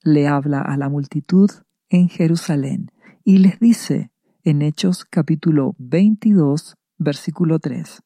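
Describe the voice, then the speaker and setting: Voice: mid-range voice, measured pace, creaky, dark tone, dry recording. A preacher giving a sermon, retelling a scripture passage and asking rhetorical questions before answering them. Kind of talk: radio sermon reading scripture.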